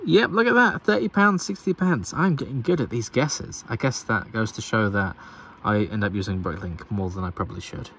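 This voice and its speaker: A man's voice: lowish voice, expressive, normal speed, fairly bright tone, slight background noise. A man narrating his Lego building in a chatty, upbeat way, thinking aloud as he goes. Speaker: Lego builder and channel host. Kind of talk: casual narration over build footage.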